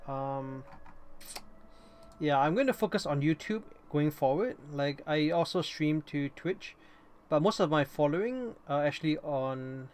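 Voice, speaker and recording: This man's voice is on the high side and a little mellow as he casually chats and comments during a game live stream. He rambles a bit and repeats phrases, while faint noise and typing on a keyboard can be heard.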